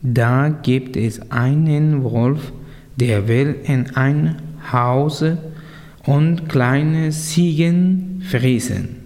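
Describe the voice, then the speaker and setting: Guy learning german reads a bit about fairy tales, really slow, trips on words, roomy echo. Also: mid-range voice, a little mellow. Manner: halting, with restarts. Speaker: language course participant. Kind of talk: reading a short text aloud.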